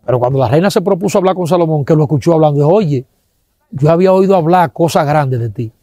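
A man with a Dominican accent giving an animated testimony, acting out sounds and quoting people, with religious exclamations. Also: a little high, fast talker, no room sound, studio quality.

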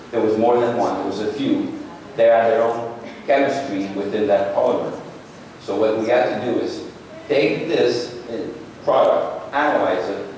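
A man giving a conference keynote in a large ballroom, speaking haltingly with many restarts. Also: fairly low pitch, darkish tone, slight background noise. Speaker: company president giving a keynote. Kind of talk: conference presentation. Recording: echoey ballroom from far off.

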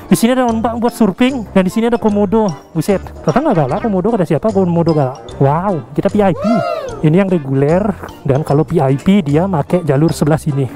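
A man's voice: high-pitched, fast. A man with an Indonesian accent giving casual, slangy vlog commentary, joking and exclaiming as he goes. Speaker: vlogger. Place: indoor theme park, action camera worn or held. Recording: music behind the voice.

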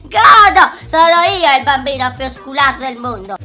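A man voicing an excitable, dramatic little boy who squeals, shouts and sings out, in a gaming reaction video with game music behind. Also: extremely high pitch, normal speed. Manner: squealing, shouting and sing-song outbursts. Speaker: YouTuber.

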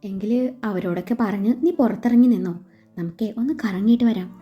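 A woman's voice: mid-range voice, fast, lightly acted. Woman voicing an earnest young male doctor. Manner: soft, earnest questioning. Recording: slightly dull with faint music.

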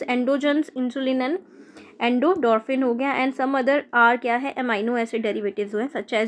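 A young woman teaching chemistry in a casual lecture, repeating terms and spelling them out letter by letter. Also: a little high. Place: sitting downstairs with traffic outside.

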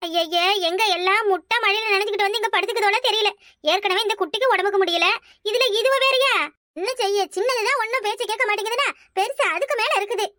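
A woman voices a cartoon character: a shrill, nosy village big sister, a grown woman, who scolds, fusses and grumbles. Her extremely high voice comes out sharp, bright and fast. The recording is dry and close, with no room sound or echo.

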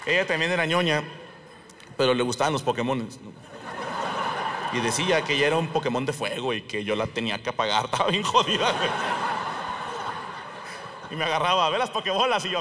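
A man's voice: mid-range voice, noisy background. A man with a Mexican accent doing a stand-up monologue on a comedy stage, telling stories with plenty of swearing and acting out the people he quotes. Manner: profane, lively storytelling, acting out quoted voices.

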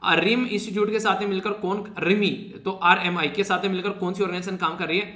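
Male current affairs tutor, high fast voice, joking casual lecture style. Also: fairly even intonation, bright, forceful tone, roomy sound. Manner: chatty, teasing students, laughs often. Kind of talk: casual Hindi exam-prep lecture.

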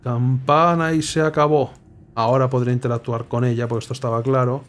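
A young man talks his way through a puzzle game, reading clues half to himself and breaking into sudden excited cries when something clicks. His voice sits at an ordinary middle pitch for a man, and the tone stays loose and conversational. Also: fairly quick. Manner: thinks aloud, muttering clues, sudden excited exclamations. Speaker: gameplay streamer. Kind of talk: casual puzzle game commentary.

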